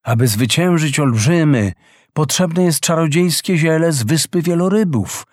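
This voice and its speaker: A wise, gentle mother frigate bird speaks with earnest calm in a storybook tale, as a man puts her on. The voice sits a touch higher than his plain reading and moves unhurried. The recording is close and dry. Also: dry recording.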